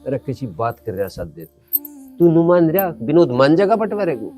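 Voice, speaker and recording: An actor playing an older village uncle with a Haryanvi accent, coaxing and questioning. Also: male voice, fairly low pitch, expressive, a little fast, soft background music, lightly acted. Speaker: maternal uncle.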